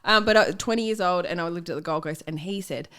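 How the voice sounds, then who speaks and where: An Australian woman co-hosting a podcast, telling casual comic anecdotes in an animated, self-mocking way. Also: on the low side, fast talker, clean tone. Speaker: podcast co-host. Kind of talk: casual comedic anecdote chat.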